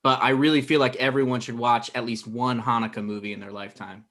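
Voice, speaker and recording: Over a video call from an indoor room, a man in his thirties plays a dumped boyfriend in a table read, needy, wounded and blustering as he pleads, sounding hurt. He talks fast in a natural, fairly bright medium-pitched voice with a level tone.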